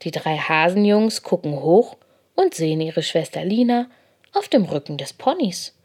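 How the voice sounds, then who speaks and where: A woman reading a children's bedtime story aloud, gentle and expressive. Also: fairly low pitch, normal speed.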